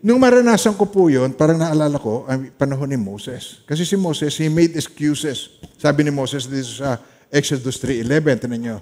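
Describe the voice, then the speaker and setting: A middle-aged man with a Filipino accent, preaching a sermon in a storytelling way and mixing in English phrases, his volume swinging from loud emphasis to quiet trailing lines. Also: a little high, moderate pace. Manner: mixes Tagalog with English, storytelling, soft-spoken asides. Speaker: pastor.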